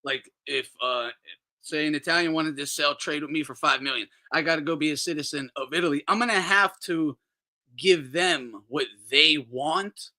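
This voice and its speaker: A man's voice: fairly high pitch, normal speed, sharp tone. A man hosting a boxing talk show, ranting casually, laughing often and swearing freely. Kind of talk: casual profane rant.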